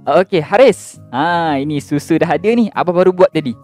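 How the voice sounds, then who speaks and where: A young man with a high, light voice hosts a casual game role-play as a fussing father. He talks in a lively, joking, bossy way, with faint game music behind. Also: moderate pace.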